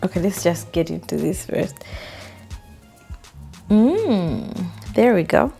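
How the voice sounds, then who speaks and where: A woman vlogger chats through a personal story while styling her hair, laughing often and scattering "like" through her sentences. Her delivery is slow and unhurried, with a mellow, warm tone. Faint music plays quietly behind her. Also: lowish voice, very animated, creaky. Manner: chatty, laughs often, lots of "like".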